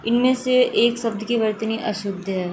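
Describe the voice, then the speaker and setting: A woman's voice: fairly high pitch, moderate pace. Brief: female teacher, patient walkthrough of exam answers, restates correct forms, noisy home-style recording. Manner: steady explanatory, repeats correct forms for emphasis. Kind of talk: exam question walkthrough lesson.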